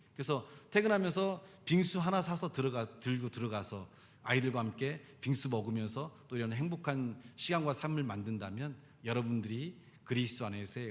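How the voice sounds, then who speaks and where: A male pastor giving a conversational sermon and leading the congregation to repeat phrases after him. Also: mid-range voice. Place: church sanctuary. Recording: long church hall reverb.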